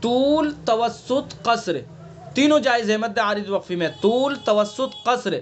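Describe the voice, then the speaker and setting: A man's voice: very high-pitched, normal speed, a little hiss or hum. A man with a Delhi Urdu accent teaching Quran recitation in an online class, patiently explaining, quizzing students and stretching out sounds to demonstrate. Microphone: online class call.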